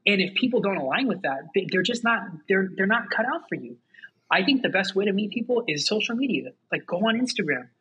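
A man talking as a podcast guest, energetic and quick to get hyped, leaning hard on "like" as he gives motivational advice in casual chat. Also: high voice, slightly rough. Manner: energetic, fast, heavy use of "like". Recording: dull lo-fi sound.

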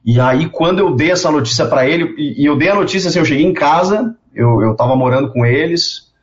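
A man, telling stories in a casual interview, animated and repeating words as he goes. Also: fairly high pitch, a little fast. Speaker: guest. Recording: dull lo-fi sound.

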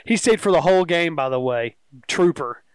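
A man's voice: a little high, animated, normal speed, smooth, no echo. A young man co-hosting a casual sports chat, joking and rambling through stories in a laid-back way. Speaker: podcast co-host.

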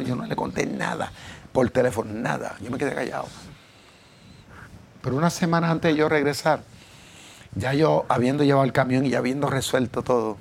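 A middle-aged man preaching a sermon, telling his own story earnestly, with emphatic peaks and hushed asides. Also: medium pitch, vocal fry, a little hiss or hum. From Puerto Rico. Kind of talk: sermon with personal testimony.

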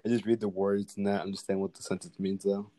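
A man's voice: on the low side, level tone, fast, mellow, rough recording. A young man co-hosting a casual podcast chat, stammering and swearing as he talks. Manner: stammering, swears, laughs often. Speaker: podcast co-host.

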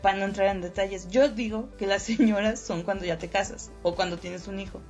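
A woman's voice: mid-range voice, fairly even intonation, brisk, a little mellow. A young Mexican woman hosting a podcast, chatting casually in crude slang and laughing often. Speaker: podcast host. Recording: dull lo-fi audio with faint music.

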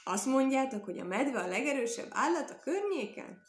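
A woman's voice: medium pitch, sing-song. A woman voicing a cheeky, boastful old male tortoise who chuckles as he talks, in a roomy recording. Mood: gleeful. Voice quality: gleeful, chuckling. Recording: echoey room.

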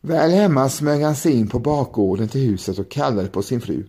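A man narrating a children's fairy tale in a gentle, playful storytelling manner. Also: mid-range voice, breathy edge.

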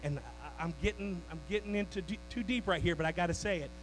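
A man preaching a sermon, swinging from loud declarations to low, joking asides with his congregation. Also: fast, slight background noise, low-quality recording.

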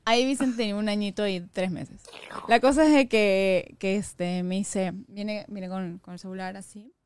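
Una mujer con acento peruano que cuenta una anécdota personal de forma animada, con muchas muletillas y frases que retoma, en una charla casual de pódcast. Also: female voice, mid-range voice, moderate pace, clean tone, dry recording. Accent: Peruvian Spanish. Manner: animated rambling storytelling, restarts and fillers. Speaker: podcast co-host telling a personal story. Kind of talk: casual chat.

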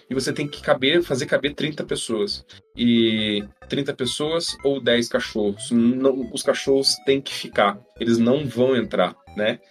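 Emotional Brazilian man telling a story. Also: medium pitch. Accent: Brazilian Portuguese. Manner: emotional storytelling, repeats phrases. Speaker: podcast panelist. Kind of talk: casual podcast chat.

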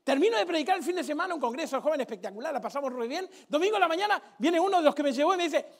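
High-voiced, gravelly Argentine pastor preaching. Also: male voice, expressive, very fast. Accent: Argentine Spanish. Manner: humorous, acts out dialogue, builds to fervent exhortation. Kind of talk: storytelling sermon.

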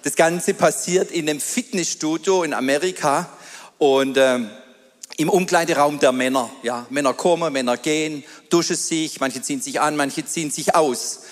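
A middle-aged man preaching a sermon, telling stories and calling the congregation "dear ones" in a lively way. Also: on the high side, normal speed. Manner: lively storytelling with quoted asides, addresses congregation as "ihr Lieben". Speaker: pastor. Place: church hall before a congregation. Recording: long hall reverb.

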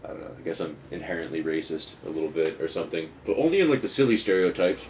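Talking fast in a sing-song way, this podcast host has an extremely low, darkish voice as he rambles alone through a casual show, digressive, sweary and self-deprecating. English is fluent for him though his first language is not Dutch, and the audio is dull and lo-fi with faint noise.

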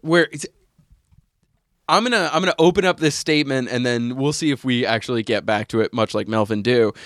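A man's voice: medium pitch, fairly quick, dry recording, studio quality. A man hosting a casual film discussion podcast, joking around and laughing often as he talks. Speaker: podcast host.

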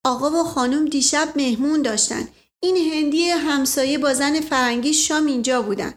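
A woman's voice: high-pitched, voice pushed up, lightly acted. A woman voicing a naive, hesitant young housemaid who chatters in a gossipy way. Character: young simple-minded housemaid girl, hesitant.

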